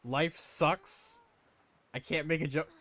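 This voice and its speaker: A man's voice: fairly high pitch, fairly even intonation, slow, a bit bright, dry recording. A man streaming a video game live, joking with chat in a casual, self-mocking way while he plays. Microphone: home streaming mic.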